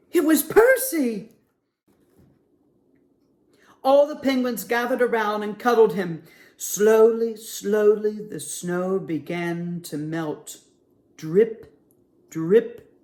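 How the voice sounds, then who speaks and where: At a children's story time, a man with a high-pitched voice reads a picture book aloud in a gentle, expressive way.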